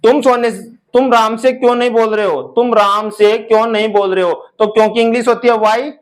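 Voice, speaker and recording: With a very high pitch, fairly even intonation and a clean tone, an Indian-accented man teaches English grammar as if in a classroom. His English sentences are slow and drawn out, his Hindi explanations quick, and he calls viewers son and daughter.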